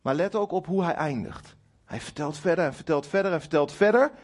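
A man's voice: fairly high pitch, brisk. A middle-aged man preaching a sermon to a congregation, speaking emphatically and addressing listeners directly with some humour. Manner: lively, emphatic preaching with acted quotes to God. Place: church hall before a congregation.

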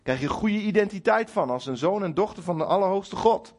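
Husky-voiced man preaching a lively sermon. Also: high-pitched, brisk. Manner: lively, emphatic preaching with acted quotes to God; addresses listeners directly, with humour about his marriage. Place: church hall before a congregation.

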